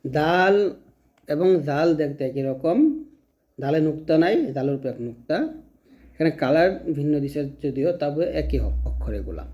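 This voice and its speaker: A man teaching pronunciation as a patient teacher. He repeats each sound slowly so his learners can follow. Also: fairly high pitch, warm tone, dull audio. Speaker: Quran recitation teacher. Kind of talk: step-by-step pronunciation lesson.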